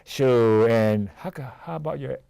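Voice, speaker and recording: A man's voice: medium pitch, measured pace, vocal fry, warm tone, dry recording. An older man hosting an interview, asking questions in a chatty way with joking asides. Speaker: interview host.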